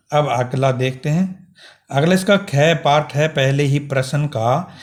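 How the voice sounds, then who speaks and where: A man teaching a language lesson, explaining words one by one and spelling them out syllable by syllable. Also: fairly high pitch. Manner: slow and deliberate, spelling words out letter by letter.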